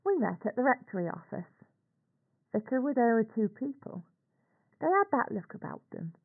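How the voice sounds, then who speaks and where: In a scripted horror audio log, an actress plays a middle-aged working-class aunt from Northern England, a nurse who is anxious and ashamed as she recounts events in a halting, colloquial confession. Her full character voice is high-ish, very animated, creaky, and breathy-edged, with an uneasy mood. A radio- or telephone-like filter makes it sound tinny and band-limited.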